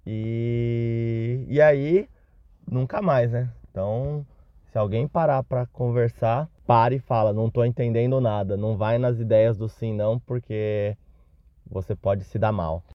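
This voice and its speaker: A man's voice: medium pitch, unhurried, no room sound, muffled recording. A man telling a self-deprecating Christmas anecdote as a listener in a recorded message. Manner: self-deprecating, animated retelling. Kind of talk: recorded anecdote, casual storytelling.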